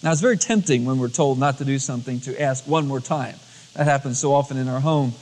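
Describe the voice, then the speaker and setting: Heard on a cassette tape transfer with long hall reverb, a pastor with a medium-pitched, darkish voice talks fast through a storytelling sermon. He acts out dialogue using everyday colloquial words.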